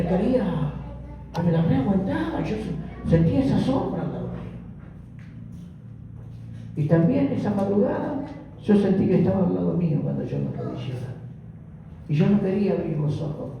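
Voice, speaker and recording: A man with an Argentine accent telling his testimony in a lively, storytelling sermon style. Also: high-pitched. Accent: Argentine Spanish. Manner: storytelling, animated, acts out dialogue with laughs. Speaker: preacher giving testimony. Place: church hall. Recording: distant, echoey, dull church recording with hiss.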